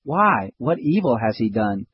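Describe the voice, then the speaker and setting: A man's voice: mid-range voice, big pitch swings, unhurried, muffled recording, a little hiss or hum. Pilate, a man reading as a stern Roman governor. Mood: questioning.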